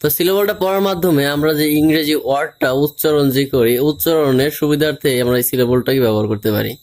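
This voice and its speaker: Man teaching, slightly high voice. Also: darkish tone. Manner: explains slowly, spelling words out letter by letter and splitting them into parts. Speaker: English grammar teacher. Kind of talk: informal classroom-style explanation.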